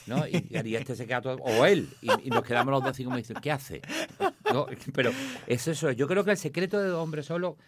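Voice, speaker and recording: A rapid-fire man spinning comic family stories. He talks fast and keeps jumping up in pitch to act out the people in them. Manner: animated storytelling, acting out his mother in a high voice. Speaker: comic actor, guest. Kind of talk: casual anecdotes in an interview.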